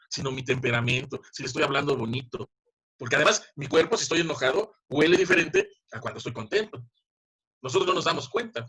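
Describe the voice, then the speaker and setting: A man's voice: mid-range voice, pushed and bright, husky. A middle-aged man with a Mexican Spanish accent giving a university class over a video call, conversational and emphatic, often asking rhetorical questions. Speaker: university lecturer. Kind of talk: online class lecture.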